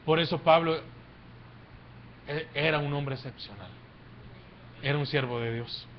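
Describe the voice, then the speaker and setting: Male pastor, high voice, sermon, hushed then loud, dull lo-fi church recording. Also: measured pace, a little hiss or hum. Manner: swings between hushed low words and loud, rising exclamations.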